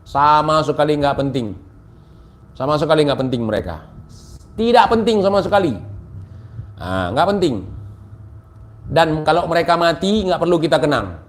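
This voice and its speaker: A man giving a mocking, taunting political rant, sarcastic and repetitive, at times rising to shouts. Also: a little high, animated, moderate pace, long pauses. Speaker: political commentator.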